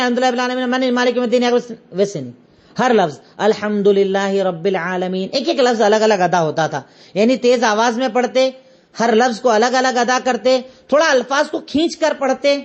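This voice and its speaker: A woman with an Indian Urdu accent teaching an Islamic lesson, explaining step by step and repeating her references. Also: high voice. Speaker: religious teacher.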